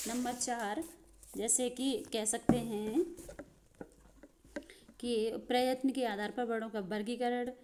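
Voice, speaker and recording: Woman teacher, warm and mellow, patient step-by-step explainer. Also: on the high side. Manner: explains step by step, addresses viewers as friends. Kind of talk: Hindi grammar lesson.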